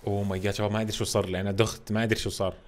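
A young man commentating his gameplay for viewers, reacting loudly and excitedly to what happens on screen. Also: on the low side, very fast, over music. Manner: reacts loudly to game events, addresses viewers as "guys". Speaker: gaming channel host. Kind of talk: excitable let's-play commentary.

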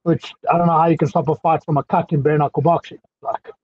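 This guest fighter, a South African man in his thirties, chats casually through a headset over a video call from a small indoor room. He talks fast, and his voice is on the high side and slightly rough, heard through muffled, lo-fi call audio. He stays relaxed and chatty, laughing easily.

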